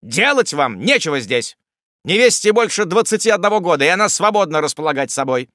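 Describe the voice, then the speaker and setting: A man's voice: on the high side, big pitch swings, brisk, bright, forceful tone, no room sound, studio quality, pitched above the performer's own voice. A man voicing a brash, insolent young strolling actor who talks back boldly and defiantly. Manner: bold, defiant, commanding.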